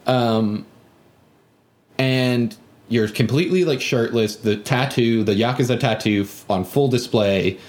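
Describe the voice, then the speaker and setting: A man's voice: medium pitch, measured pace. A man in casual podcast chat, animatedly retelling a video game scene and acting out characters' lines. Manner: animated, acts out characters in yelling voices.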